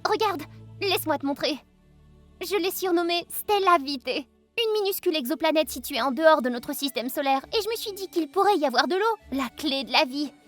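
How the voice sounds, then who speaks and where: A woman narrating an animated diary story in the first person, quirky and excitable. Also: sits high. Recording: music behind the voice.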